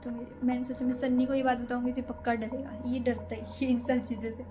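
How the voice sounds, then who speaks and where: A woman's voice: fairly high pitch, level tone, fast, music in the background. A young woman vlogger chatting casually to camera, rambling through a scary story from her own nights.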